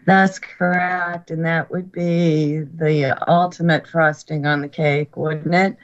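A woman's voice: low voice, fairly even intonation. Older woman, lo-fi taped-off-the-radio sound. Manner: earnest and grateful, with halting restarts. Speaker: guest author. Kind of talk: radio interview.

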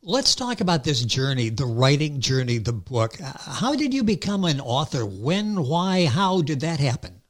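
American male interviewer, voice a little high. Conversational, affirming host who builds up to each question. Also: sing-song, moderate pace, hardly any pauses. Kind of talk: conversational radio-style interviewing.

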